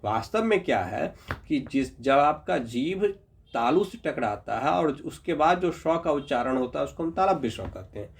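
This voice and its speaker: With a high-leaning, expressive, gravelly voice, this man explains grammar patiently, slowly repeating letter sounds. He keeps asking "ठीक है" to check on his students and refers to viewers as "Babu."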